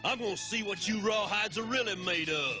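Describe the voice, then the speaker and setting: A man voicing a gruff, commanding military leader in an action cartoon, with a gravelly voice. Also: high-pitched, animated, a little fast, over music. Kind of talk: 1980s action cartoon acting. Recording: reverberant film audio played in a room.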